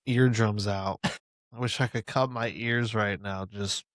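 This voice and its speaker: A man's voice: fairly low pitch, fairly even intonation, takes it slowly, a bit bright, dry recording, studio quality. A man co-hosting a podcast in casual chat, blunt and profane, laughing easily. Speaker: podcast co-host.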